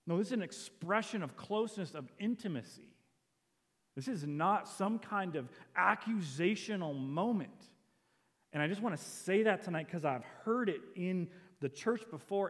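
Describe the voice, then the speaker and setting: Earnest man preaching in a reverberant hall. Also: sits high. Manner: conversational, earnest preaching with quoted lines. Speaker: pastor. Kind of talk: sermon. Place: church sanctuary.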